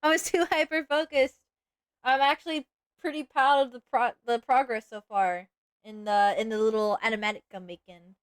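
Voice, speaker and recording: A woman's voice: fairly high pitch, fairly even intonation, normal speed, clean tone, no echo, clean studio sound. A woman streaming live as a VTuber, chatting casually and playfully while she animates, with sudden dramatic outbursts.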